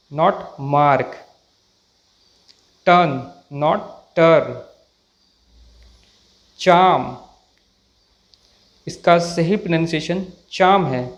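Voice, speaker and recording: A male teacher explains English pronunciation rules in Hindi at an unhurried, careful pace. His voice sits slightly high, and he repeats example words slowly to show the contrast. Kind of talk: slow, deliberate explanatory lesson.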